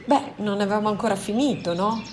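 A woman's voice: medium pitch, fairly quick, darkish tone, a little hiss or hum, close to an everyday voice. Woman reading as an anxious, insistent man. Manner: pleading, insistent questions. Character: pleading, insistent young man, anxious and stubborn.

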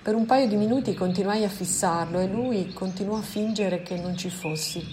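Woman audiobook reader, calm and measured, mid pitch, faint birdsong in the background. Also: noisy background. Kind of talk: audiobook reading of a novel.

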